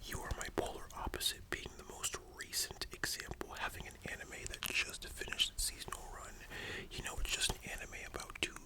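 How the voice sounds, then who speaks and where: A voice in a soft library whisper, giving an explanatory lesson as an ASMR whispered role-play. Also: a little fast, low-quality recording. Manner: explanatory, checking the listener understands. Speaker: ASMR content creator.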